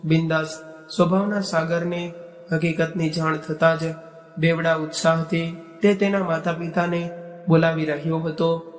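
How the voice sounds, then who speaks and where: A man narrating a moral story in a steady, unhurried way. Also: a little high. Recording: echoey, reverberant room with faint music. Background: faint background music.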